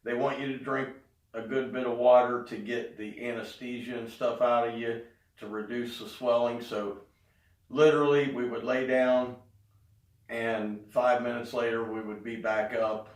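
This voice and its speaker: A middle-aged man giving a casual spoken update, talking haltingly with pauses in mid-sentence. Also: mid-range voice, fairly even intonation. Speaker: vlogger giving a health update. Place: indoors in an echoey room. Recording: echoey room, distant mic.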